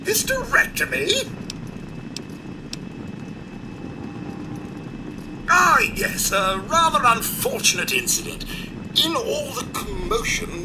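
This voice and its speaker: A man voicing a pompous, cheerfully ghoulish male robot doctor in a game, with a smooth synthetic robot sound and a self-satisfied, chirpy manner. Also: very high-pitched, background noise, full character voice. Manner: chirpy, self-satisfied, exaggerated rises and drops. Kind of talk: video game character dialogue.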